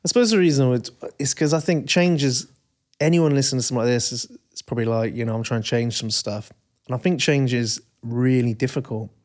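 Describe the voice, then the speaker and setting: A man's voice: medium pitch, fast, a little mellow. A man co-hosting a podcast, talking reflectively about change and teasing his co-host. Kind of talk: casual chat.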